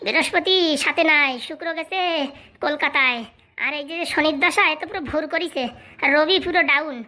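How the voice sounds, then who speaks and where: Woman voicing a cartoon con-man fortune-teller, squeaky high, rapid-fire, bright, bossy. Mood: mock-mystic. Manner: bossy, fast-talking, scolding. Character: scheming young male con man posing as holy fortune-teller. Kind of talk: comic cartoon voice acting.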